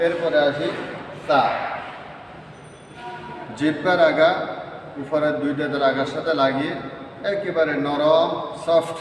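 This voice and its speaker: Slow, echoey man teaching letter sounds. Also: fairly high pitch, fairly even intonation, background noise. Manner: repeats each letter three times, chants rules. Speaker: Quran reading teacher. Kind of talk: slow step-by-step pronunciation lesson. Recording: echoey hall from far off.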